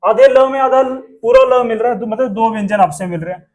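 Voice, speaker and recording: A man's voice: very high voice, fairly quick, darkish tone. A man teaching a class, asking questions and repeating the answers himself. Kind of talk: classroom lesson.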